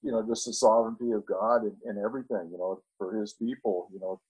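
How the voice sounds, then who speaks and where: A man in a casual group discussion, speaking in a measured way with many "you know"s. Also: on the low side, steady tone, darkish tone, slight background noise, rough recording. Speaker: group member.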